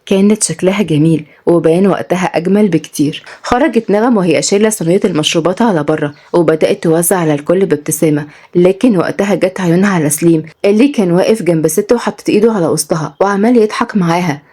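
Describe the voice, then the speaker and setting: Fast-reading Egyptian woman storyteller. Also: on the low side, mellow, husky. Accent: Egyptian Arabic. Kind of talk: scripted story narration.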